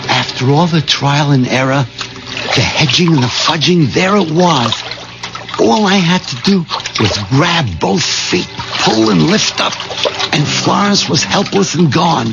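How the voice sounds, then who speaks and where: A meek, gravelly henpecked husband. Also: male voice, on the high side, measured pace. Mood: brooding. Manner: quiet, weary, subdued. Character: meek, oppressed middle-aged husband plotting murder. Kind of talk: 1970s radio drama acting and first-person narration. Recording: dull vintage radio recording with music.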